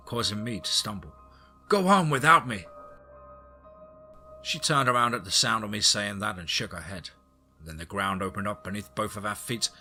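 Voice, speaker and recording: Bright-toned male horror storyteller. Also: lowish voice. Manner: dramatic, suspenseful storytelling. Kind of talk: scripted first-person narration. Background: soft background music.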